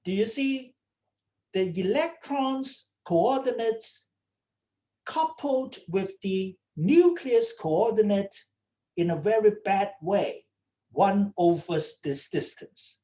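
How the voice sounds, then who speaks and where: Slow-spoken woman lecturing with many "okay?"s. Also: mid-range voice, animated, dark tone. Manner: checks in with students often, repeating "okay?". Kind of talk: online lecture. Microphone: computer mic on a video call.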